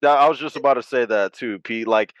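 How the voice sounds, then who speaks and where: A man co-hosting a podcast in casual chat, an animated storyteller who swears freely. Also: mid-range voice, fairly quick, smooth, no room sound. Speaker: podcast co-host.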